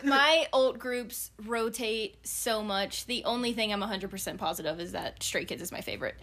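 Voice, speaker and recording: A young woman co-hosting a casual fan podcast, chatty and quick with her lists of favorites. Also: on the high side, fairly bright tone, a little hiss or hum. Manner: chatty, listing favorites with fillers. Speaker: podcast co-host. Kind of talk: casual chat.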